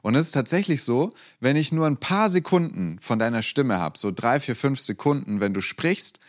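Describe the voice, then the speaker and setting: Lively young pastor preaching. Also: male voice, mid-range voice, moderate pace. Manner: lively, conversational storytelling to a congregation. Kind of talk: sermon.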